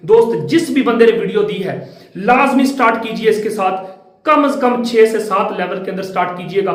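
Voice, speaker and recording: A man pitching a business plan, counting out earnings step by step and calling viewers friend and sir. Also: normal speed, heavy reverb. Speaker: channel host explaining a business plan. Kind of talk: persuasive screen-share walkthrough.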